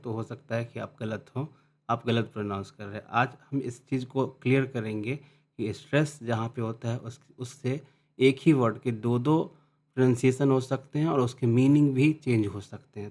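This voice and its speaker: A man teaching English phonetics in Hindi, reading definitions out slowly and then explaining them, often restarting and repeating words. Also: medium pitch.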